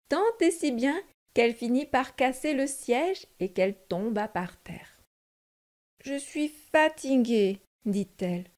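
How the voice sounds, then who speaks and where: Slow, high-voiced woman reading a fairy tale. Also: darkish tone. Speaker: narrator. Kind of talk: storybook reading for children.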